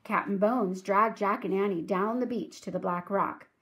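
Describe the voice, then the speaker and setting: A woman teacher reading a children's chapter book aloud in a clear, steady voice. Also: medium pitch, normal speed. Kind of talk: storybook read-aloud narration.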